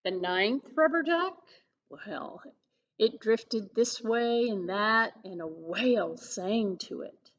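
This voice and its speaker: A children's librarian, a woman, reading a picture book aloud with expressive storytelling and questions for young listeners. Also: mid-range voice, slow pace, highs cut off. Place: public library.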